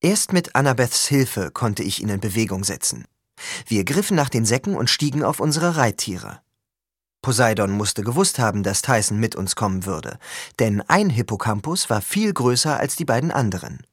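A man reading a first-person story aloud as an audiobook, with expressive, lively storytelling. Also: medium pitch, normal speed, husky, no echo, clean studio sound. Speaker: audiobook reader.

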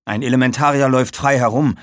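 A man's voice: medium pitch, steady tone, fast, no echo, studio quality, voice pushed up, lightly acted. A man voicing a scornful, defiant boy in a raised storybook voice. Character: defiant boy with a pet wolf.

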